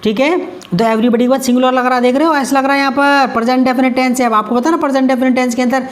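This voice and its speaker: Teacher, male, Indian accent, high light voice, slow drawn-out reading of examples, stops often to quiz the class. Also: fairly even intonation. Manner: many fillers and restarts, asks the class questions. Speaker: English grammar teacher. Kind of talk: explaining grammar in Hindi, reading English examples slowly.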